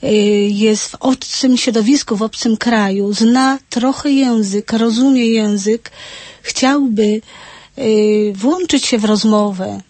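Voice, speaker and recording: Husky-voiced woman radio host. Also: fairly high pitch, slow, darkish tone, dry recording. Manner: hesitant, frequent filler sounds. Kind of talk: radio studio conversation. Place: radio studio.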